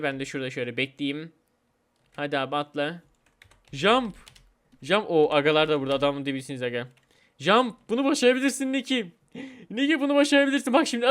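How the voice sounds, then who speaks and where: A man hosting a let's play video, chatty and excitable, talking straight to his viewers and gleefully trolling other players. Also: on the high side. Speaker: gaming video host.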